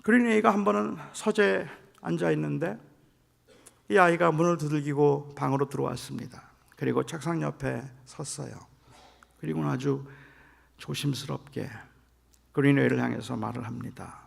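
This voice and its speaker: A middle-aged male pastor preaching a revival sermon, telling a personal story in a storytelling manner that rises to shouted emotion when he quotes himself. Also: fairly high pitch, moderate pace, creaky. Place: large church sanctuary. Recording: long hall reverb.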